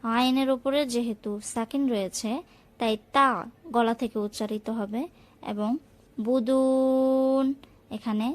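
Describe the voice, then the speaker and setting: A woman whose first language is Bengali, teaching Quran recitation. She chants verses slowly and carefully, drawing out each sound, then explains the pronunciation rules in plain speech. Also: a little high, steady tone.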